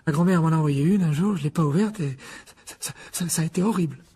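A man's voice: on the high side, fast, dark tone, husky, pitched above the performer's own voice. A male audiobook reader voicing a timid, clumsy schoolboy who stammers. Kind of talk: audiobook reading.

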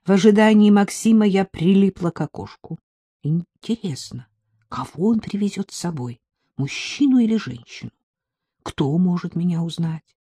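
A woman reading a first-person audiobook in a measured, anxious inner voice. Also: on the low side, animated, dark tone, husky, no echo. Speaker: audiobook narrator.

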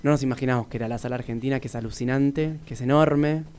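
Male musician, warm mellow tone, hesitant casual interview talk. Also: mid-range voice, fairly even intonation, fast, clear, resonant tone. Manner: thoughtful, hesitant, many restarts. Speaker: musician guest. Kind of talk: casual radio interview chat.

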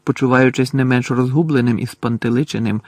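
A man with a medium-pitched voice narrates an audiobook in an even, measured storytelling manner. The recording is dry.

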